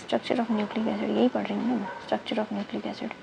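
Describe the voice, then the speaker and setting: A woman with a mid-range voice, a level tone and vocal fry teaches an online chemistry class a little slowly. She counts aloud, spells words out letter by letter, repeats terms, and often mixes in English terms while checking with students through "thik hai na". Faint background noise is audible.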